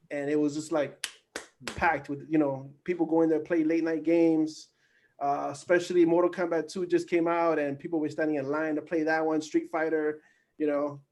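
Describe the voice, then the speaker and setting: A man in his forties from Miami talks with warm enthusiasm and nostalgia in a casual group conversation. His voice sits a little high. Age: 40s. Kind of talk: casual chat.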